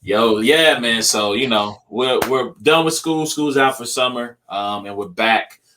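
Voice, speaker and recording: A man's voice: medium pitch, a little slow, bright, forceful tone, a little hiss or hum. A young man hosting a podcast, talking loosely and rambling with lots of ums. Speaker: podcast host. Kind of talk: casual podcast chat.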